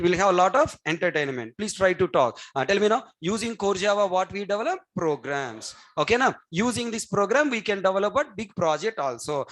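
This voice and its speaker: High-pitched man teaching with a Telugu accent. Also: fairly bright tone, low-quality recording. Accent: Telugu Indian English. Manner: exhorting, repetitive, with question tags and prompts for answers. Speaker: programming teacher. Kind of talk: interactive classroom lecture.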